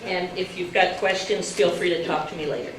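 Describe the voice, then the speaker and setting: A woman's voice: lowish voice, steady tone, fairly quick. Woman grant officer speaking at a panel. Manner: conversational, many fillers and restarts. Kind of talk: conference panel talk. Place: conference room. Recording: echoey hall, distant mic, faint noise.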